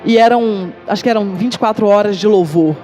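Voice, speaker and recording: A woman's voice: medium pitch, a little fast, mellow, faint music behind. A woman giving a testimony to a church congregation, telling her story vividly and acting out the dialogue she quotes. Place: church service.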